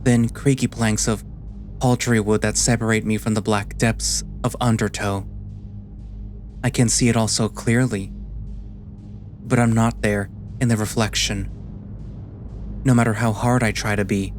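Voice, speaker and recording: A man playing a weary, guilt-ridden animal sailor, narrating a first-person story in a quiet, subdued, slow and deliberate way. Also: on the low side, little pitch movement, soft background music, close to an everyday voice. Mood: brooding, weary.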